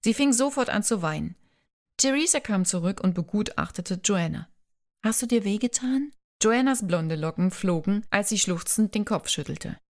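A woman's voice: medium pitch, lively intonation, moderate pace. A woman reading a romance novel aloud as narrator, lightly voicing the characters' lines. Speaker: audiobook narrator. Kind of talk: scripted narration.

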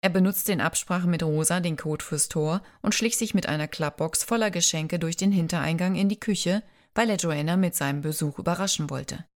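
A woman's voice: fairly low pitch, a little fast, few pauses. A woman reading a romance novel aloud as narrator, lightly voicing the characters' lines. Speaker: audiobook narrator. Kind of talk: scripted narration.

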